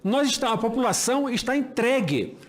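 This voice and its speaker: A man's voice: very high-pitched, animated, a little fast. An older Brazilian man giving an impassioned political speech, emphatic, with rhetorical questions and repeated phrases. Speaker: speaker at a senate hearing, former judge.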